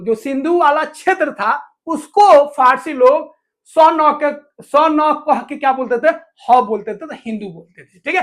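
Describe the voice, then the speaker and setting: A woman's voice: high-pitched, a bit bright. A woman teacher explaining a school lesson, asking questions and answering them herself with lots of repetition. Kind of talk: classroom lesson explaining to students.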